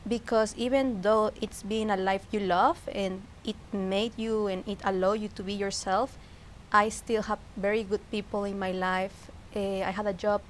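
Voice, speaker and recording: A woman from Peru speaks English with a Peruvian Spanish accent, her medium-pitched voice steady and her pace moderate. As an interview guest in a casual personal conversation, she reflects aloud and searches for her phrasing. The recording is rough, with clear background noise and ambience.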